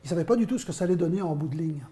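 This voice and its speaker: Speaking very fast in a fairly high, dark voice, a wine producer in his fifties who comes from Belgium answers an interview. He explains his work like a story, hesitating often.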